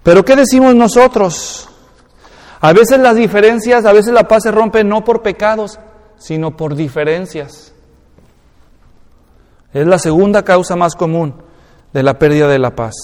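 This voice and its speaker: A Mexican pastor with a Mexican Spanish accent delivers an expository sermon in a fairly high voice. He acts out everyday examples with lively swings. His voice rings through a large hall with a long reverb. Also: a little slow, pauses often. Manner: animated, acts out everyday examples with rising pitch.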